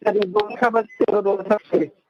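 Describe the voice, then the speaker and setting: A male caller, whose phone line keeps glitching and breaking up as he speaks in a halting, repetitive way. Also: high-pitched, flat delivery, background noise. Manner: halting and repetitive, restarts words. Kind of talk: call-in radio talk.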